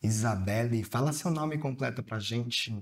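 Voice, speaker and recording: A man's voice: mid-range voice, measured pace. A man hosting a podcast live in a theatre, chatting with guests in a casual, encouraging way. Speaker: podcast host. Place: theatre stage with live audience.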